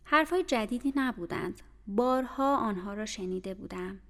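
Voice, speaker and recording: A woman narrating an audiobook in a measured, literary reading style. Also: medium pitch, lively intonation. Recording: reverberant room with faint music.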